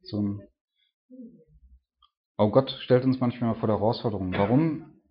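Guy preaching casual sermon, lots of little "right?" tags, kinda dull lo-fi recording. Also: fairly low pitch. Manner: chatty, keeps adding "ne?"; reads scripture aloud louder and slower. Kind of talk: informal sermon. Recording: dull lo-fi sound.

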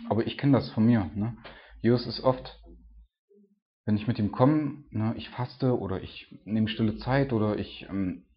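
A man preaching a relaxed, conversational sermon, tossing in little tag questions as he goes. His voice sits at an everyday middle pitch. The recording is dull and somewhat lo-fi. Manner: chatty, keeps adding "ne?"; reads scripture aloud louder and slower. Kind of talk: informal sermon. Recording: dull lo-fi sound.

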